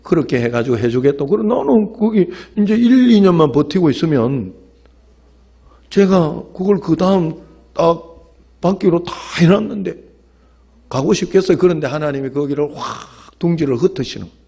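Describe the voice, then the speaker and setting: A man's voice: a little high, expressive, normal speed, gravelly, dark tone, husky. A male pastor with a Gyeongsang accent, preaching an evening sermon in a church and telling stories with emphatic appeals to the congregation. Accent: Gyeongsang Korean. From Gyeongsang region of Korea. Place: church sanctuary.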